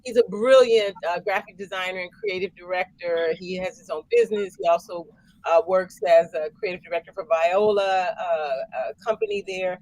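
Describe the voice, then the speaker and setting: A woman's voice: fairly low pitch, normal speed, a little mellow, dry recording, low-quality recording. A woman guest chatting playfully on a video call, laughing easily. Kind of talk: casual chat.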